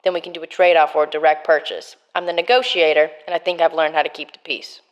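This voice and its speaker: A woman's voice: deep voice, flat delivery, quick pace, muffled recording, natural voice. A woman voicing a hardened male prison gang captain in a murder mystery game, trying for a Boston accent that keeps slipping. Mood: tough.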